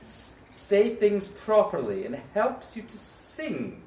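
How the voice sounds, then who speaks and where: A woman hosting a children's music show, chatting playfully and teaching silly vocal warm-up rhymes. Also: mid-range voice, huge pitch swings, slow pace, a little hiss or hum. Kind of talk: cheerful chat with sung rhymes for kids. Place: home kitchen. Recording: roomy, distant mic, loud music.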